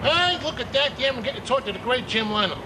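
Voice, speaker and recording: A man's voice: very high-pitched, animated, fast, very noisy. A man making a brash, jokey audition tape. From Brooklyn, New York. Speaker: correspondent applicant.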